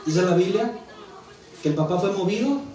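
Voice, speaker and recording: A man's voice: high voice, moderate pace, mellow. A male pastor from Mexico preaching a sermon, with emphatic bursts and rhetorical questions. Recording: echoey hall, voice from a distance.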